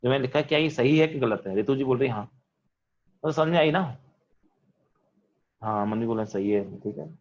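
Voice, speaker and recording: Hindi physics teacher on a lo-fi call. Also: male voice, mid-range voice, a little fast, pauses often. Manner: answers his own questions in a student's voice; calls on students by name. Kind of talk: online class lecture. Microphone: video call. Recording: lo-fi online class audio.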